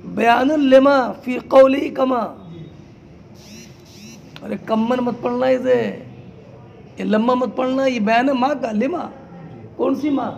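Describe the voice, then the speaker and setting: A man teaching a class, explaining slowly term by term, asking his students question after question and calling them "beta". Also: very high voice, fairly even intonation, gravelly, a little mellow, a little hiss or hum. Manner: quizzes students with repeated questions; addresses listeners as "beta". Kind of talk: classroom lecture.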